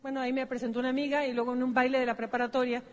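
A woman's voice: sits high, level tone, very fast. A woman with a Mexican accent presenting a business seminar, telling her story casually with self-corrections. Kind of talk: personal storytelling on stage. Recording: long hall reverb.

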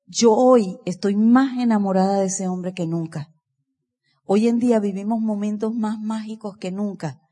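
A woman giving an energetic motivational speech to a live seminar audience, asking listeners direct questions. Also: mid-range voice, unhurried, long reverb tail. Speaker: motivational speaker at a business seminar.

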